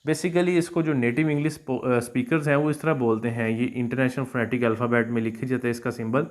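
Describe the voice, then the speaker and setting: A man's voice: medium pitch, fairly even intonation, fast talker. Man explaining English phonics. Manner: explanatory, repeats "theek hai na" and fillers. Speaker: English teacher. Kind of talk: explaining phonics to teachers and students.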